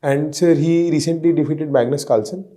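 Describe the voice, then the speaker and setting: A young man with an Indian accent speaks in a very soft-edged, dark tone, pitched a little high. He answers as a candidate in a formal interview, nervous and respectful, choosing his words haltingly. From Haryana, India. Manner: deferential, often saying sir.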